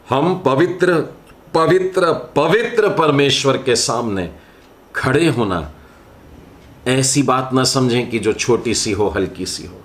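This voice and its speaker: Slow, deliberate Hindi-speaking preacher man. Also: fairly high pitch, a bit bright. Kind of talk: sermon.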